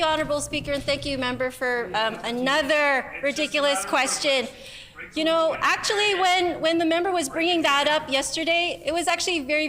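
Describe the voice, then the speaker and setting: A woman government minister giving combative, off-the-cuff answers in parliament, dismissive of her opponents. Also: high voice. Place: large legislative chamber. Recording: echoing chamber with clear crowd noise.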